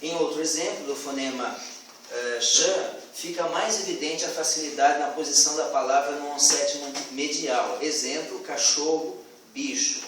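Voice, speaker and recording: A man's voice: a little high, fairly even intonation, moderate pace, a bit bright, a little hiss or hum. A man giving a student class presentation, hesitant, with many fillers and restarts. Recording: echoey classroom from far off.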